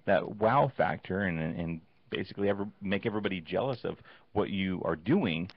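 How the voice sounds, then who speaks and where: Low gravelly man hosting a chat. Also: normal speed, no echo. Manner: animated storytelling, many restarts. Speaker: show host. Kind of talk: casual interview chat. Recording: dull lo-fi sound.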